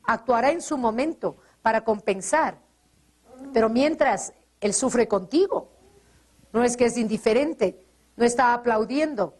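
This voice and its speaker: High-voiced woman pastor preaching. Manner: earnest preaching with rhetorical questions and scripture quotes. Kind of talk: sermon.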